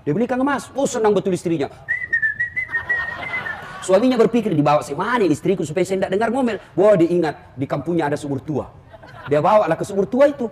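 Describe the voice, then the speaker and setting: Male preacher, Ternate Malay accent, quick and high, jokes with the crowd through his sermon. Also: expressive, noisy background. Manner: joking, addresses the audience directly. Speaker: Islamic preacher. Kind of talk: humorous sermon.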